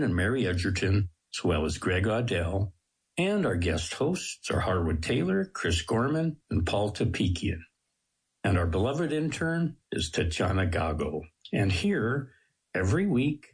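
A man's voice: lowish voice, husky. An American man hosting a radio show with polished, dramatic presenter phrasing. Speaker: radio guest host. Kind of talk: scripted radio introduction and interview.

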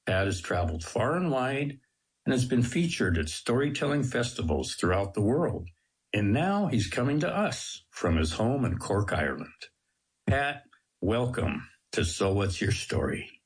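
A man's voice: medium pitch, very animated, unhurried, breathy edge. An American man hosting a radio show with polished, dramatic presenter phrasing. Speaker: radio guest host. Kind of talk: scripted radio introduction and interview.

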